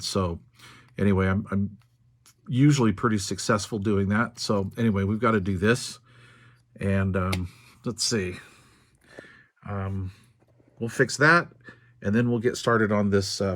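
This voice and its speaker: An older American man with a fairly low, slightly bright voice hosts a radio repair video. He talks through the hands-on work in an unhurried, plain and folksy way, thinking aloud as he goes.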